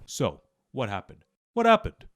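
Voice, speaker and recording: This YouTube host's medium-pitched voice swoops wildly as he moves at a measured pace through a comedic scripted video essay. Music sits clearly beneath him, and he plays it mock-serious and melodramatic with abrupt emphatic outbursts.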